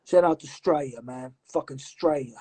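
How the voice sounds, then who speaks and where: A man's voice: medium pitch, a little fast, warm tone, husky. A man hosting a live stream from his phone, chatting casually with callers and calling them brother. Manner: laid-back, says man and my brother often.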